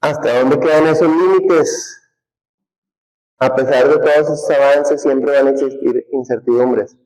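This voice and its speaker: A male teacher lectures a class in a relaxed, conversational way. His pitch sits in the middle of the male range. He keeps throwing questions at the students and answering them himself. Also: a little slow, rough recording.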